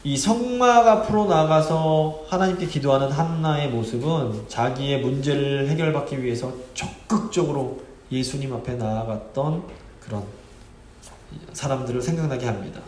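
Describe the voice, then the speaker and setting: Earnest pastor preaching in an echoey church. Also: male voice, medium pitch, darkish tone, a little hiss or hum. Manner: earnest preaching, slows for quoted scripture. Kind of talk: sermon. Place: church sanctuary.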